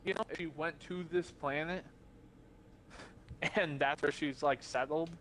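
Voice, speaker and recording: Excitable higher-voiced podcast co-host man. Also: a little hiss or hum. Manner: quick, excitable, stumbling restarts. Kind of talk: casual chat.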